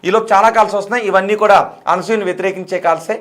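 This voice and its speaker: A man hosting a live TV call-in debate addresses viewers in a notably high, steady, fairly bright voice. He talks fast and insistently, coming back again and again to his appeals while mixing English words into his speech.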